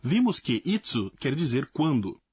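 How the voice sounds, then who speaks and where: A man teaching a language lesson in a clear, explanatory scripted narration. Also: mid-range voice, big pitch swings, measured pace, darkish tone, no echo, studio quality.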